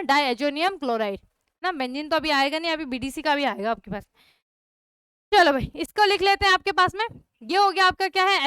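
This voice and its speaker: Young female chemistry teacher, crisp bright tone, dry close sound, keeps asking if it's clear. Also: high voice, no echo. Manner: repeats checks like "clear?" and "okay" to students. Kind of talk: online class lecture.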